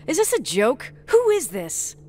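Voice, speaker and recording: A woman's voice: fairly low pitch, expressive, moderate pace, a crowd in the background, lightly acted. An actress playing a blunt, defensive young woman who swears and answers curtly, in video game dialogue. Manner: curt and swearing.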